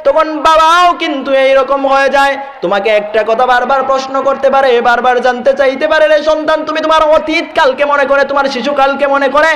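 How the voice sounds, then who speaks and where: A man's voice: very high-pitched, fairly even intonation, brisk, hardly any pauses, fairly bright tone, reverberant. A man preaching a Bengali waz sermon in a sing-song, pleading style, chanting verses and repeating refrains. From Bangladesh.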